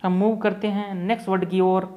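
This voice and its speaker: A man teaching an exam-prep vocabulary lesson, explaining each word slowly and repeating points, with English terms mixed into Hindi. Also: sits high, flat delivery, darkish tone.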